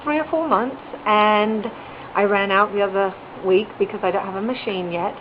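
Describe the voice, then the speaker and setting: An upbeat woman speaks with enthusiasm. The recording sounds dull and muffled, with clear ambient noise behind her. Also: medium pitch, moderate pace. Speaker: customer giving a testimonial. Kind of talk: unscripted testimonial.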